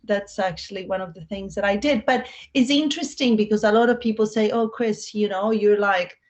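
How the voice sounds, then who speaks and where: A middle-aged Argentine woman with an Argentine Spanish accent speaks a little fast at medium pitch. She's a real estate agent in a conversational interview, chatty and upbeat, full of fillers and restarts.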